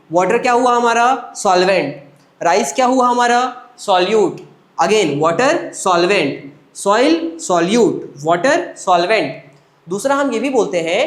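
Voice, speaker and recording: Male science teacher, repetitive lecture, quizzes his pupils then answers himself, echoey room. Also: sits high. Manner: asks the class questions and answers them himself; repetitive, coaxing, calls students children. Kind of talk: classroom lecture.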